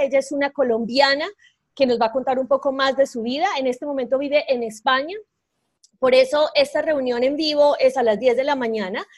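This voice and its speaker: High-voiced woman hosting a live show. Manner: warm, effusive, hesitant with fillers. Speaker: host. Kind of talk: live online interview.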